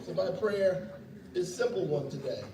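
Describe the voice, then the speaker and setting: A man's voice: high-pitched, lively intonation, measured pace. A man, a reverend, leading a short prayer at a rally in a preacherly way and asking listeners to repeat his words. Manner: preacherly, calls on listeners to repeat after him. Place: indoor hall at a rally. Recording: echoey hall, distant mic, noisy.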